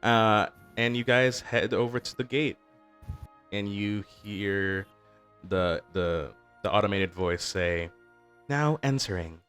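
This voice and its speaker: A young man with a lowish voice narrates as the game master of a tabletop session. He rambles, restarts often and leans on fillers. Faint music plays underneath. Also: flat delivery, takes it slowly, fairly bright tone, smooth.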